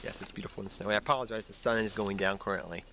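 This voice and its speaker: Speaking rapid-fire in a lowish, bright, forceful voice with fairly even intonation, a young man with a nasal-sounding cold discusses card game strategy on camera in snowy woods. He rambles, corrects himself and says "guys" to viewers. The close-range built-in camera mic picks up slight background noise, including passing cars and planes.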